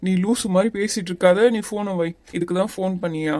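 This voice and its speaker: A woman voicing a calm, teasing young male hero in a cartoon series. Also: mid-range voice, a little fast, no echo, close to an everyday voice. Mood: annoyed. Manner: teasing, patient, a little bossy. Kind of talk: Tamil cartoon series voice acting.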